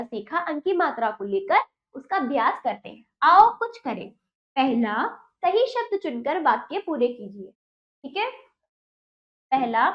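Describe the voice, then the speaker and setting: A woman teacher giving a children's Hindi lesson, reading in a slow, sing-song way and asking the class prompting questions. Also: high voice, highs cut off.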